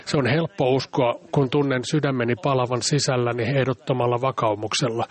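Calm man reading a sermon. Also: mid-range voice. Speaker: church speaker.

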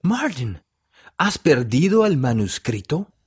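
A man's voice: mid-range voice, animated, darkish tone, breathy edge, no room sound, studio quality, voice pushed up. Anguished remorseful young husband in an audio story, raised and strained, voiced by a male narrator. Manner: crying out in despair, slow pleading.

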